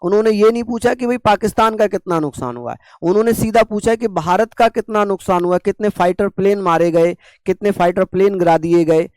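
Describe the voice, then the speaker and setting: A male teacher with a fairly high, smooth and resonant voice delivers a classroom lecture. He keeps asking rhetorical questions and slowly repeats the key terms. The sound is dry, with no room echo. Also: a little mellow.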